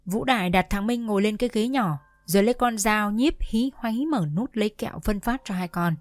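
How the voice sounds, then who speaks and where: Steady woman narrating a story. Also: medium pitch, brisk, dry recording, studio quality. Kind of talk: scripted audiobook narration.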